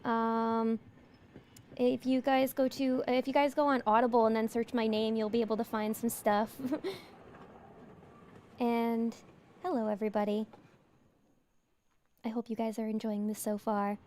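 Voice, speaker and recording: A woman's voice: on the high side, flat delivery, a little slow, long pauses, a little mellow. A young woman from New York streaming a horror game, chatty and giggly as she talks to her chat. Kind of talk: let's play commentary.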